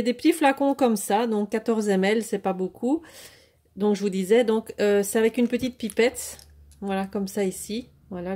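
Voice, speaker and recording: A woman with a mellow, warm tone and a middle-range pitch, chatting her way through a craft haul. She talks in a hesitant, halting way, full of fillers and self-corrections, yet sounds genuinely keen on everything she shows. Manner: hesitant, many fillers and restarts; enthusiastic about the products. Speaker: craft vlogger showing a product haul. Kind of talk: casual product haul chat.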